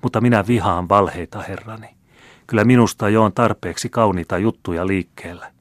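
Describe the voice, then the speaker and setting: A man's voice: lowish voice, dry recording, clean studio sound, lightly acted. A man reading as a teasing French marquise. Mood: playful teasing.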